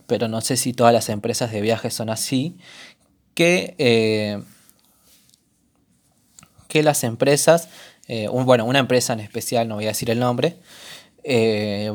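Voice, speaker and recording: A young man with a Rioplatense Spanish accent hosting a solo podcast, chatting casually and rambling as if talking to a friend. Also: mid-range voice. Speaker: podcast host.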